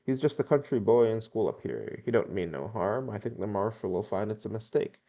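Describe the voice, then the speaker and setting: A man's voice: lowish voice, lively intonation, fairly quick, mellow. A man reading the part of a placating young male college friend in a mild, reasoning tone.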